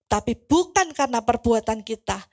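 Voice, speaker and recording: A woman preacher, giving a fervent sermon with testimony, rising to loud cries. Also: a little high, lively intonation, normal speed. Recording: music playing behind the voice.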